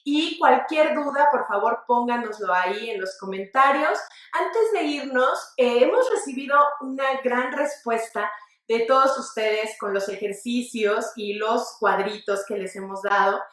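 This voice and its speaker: A woman's voice: a little high, a little slow, very echoey, distant mic. A woman with a Mexican accent teaching a spelling lesson, talking straight to viewers and asking them to repeat examples aloud. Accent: Mexican Spanish. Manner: lively, addresses viewers directly, asks them to repeat aloud. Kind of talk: online grammar lesson. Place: studio set with floor manager.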